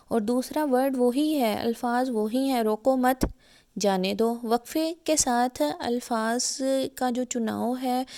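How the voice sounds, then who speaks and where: A woman's voice: a little high, warm tone. Patient woman teaching Quran recitation. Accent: Urdu-speaking Pakistani. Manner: patient, repeats and spells out letters slowly. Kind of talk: explanatory religious lesson.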